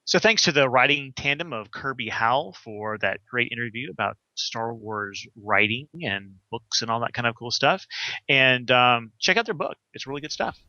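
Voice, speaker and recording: An upbeat man co-hosting a casual podcast, chiming in with quick remarks. His voice is bright and sharp. The recording is dry and a little dull and lo-fi. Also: mid-range voice, no echo. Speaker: podcast co-host. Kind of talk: casual chat. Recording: slightly dull, lo-fi.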